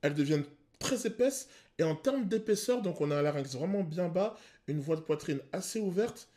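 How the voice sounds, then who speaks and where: A male vocal coach explaining singing technique to viewers, pausing to sing short examples. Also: a little high, animated, mellow. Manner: explanatory, addresses viewers, sings short demos. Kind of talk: vocal analysis video commentary.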